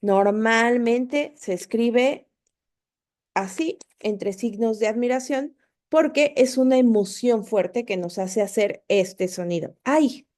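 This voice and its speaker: A woman's voice: a little high, slow pace, darkish tone. A woman, an online course tutor patiently explaining spelling and punctuation to students, often checking in with "ok?". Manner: patient, repeats points, asks "¿ok?".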